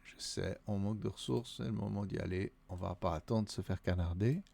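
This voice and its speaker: Low-pitched and fairly quick, with vocal fry and a mellow quality, a man speaking Vaudois Swiss French counts softly and talks himself through a solo board wargame.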